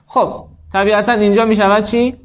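A man teaching a grammar class in a notably high voice, walking through each rule step by step. He keeps turning to students with questions, calling on them by name. The recording is dull and lo-fi. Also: flat delivery. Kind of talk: classroom lecture.

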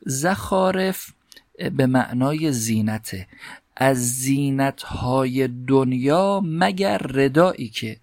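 A man teaching Arabic grammar as a lecture, reciting the Arabic phrases slowly and then explaining each word. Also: mid-range voice, animated, darkish tone, no echo, clean studio sound. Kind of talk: classroom lecture explaining a text.

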